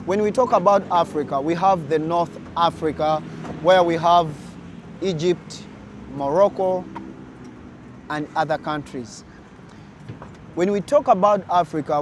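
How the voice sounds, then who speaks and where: A young man from Uganda talking casually to camera as a vlogger, slow, deliberate and earnest, addressing his viewers directly. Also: a little high, slight background noise.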